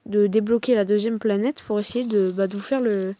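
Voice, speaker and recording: A young woman chats through a mobile game in a soft, mellow voice, stopping often on fillers. The recording is dull and dry, as if from a small device mic. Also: medium pitch, steady tone, brisk, dry recording. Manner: hesitant, many fillers and apologies. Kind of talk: casual gameplay commentary.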